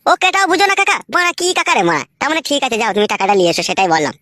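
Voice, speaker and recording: A woman playing a crude, fast-talking village husband. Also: sits high, sing-song, a bit bright, no echo, clean studio sound. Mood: wheedling. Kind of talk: comic skit acting.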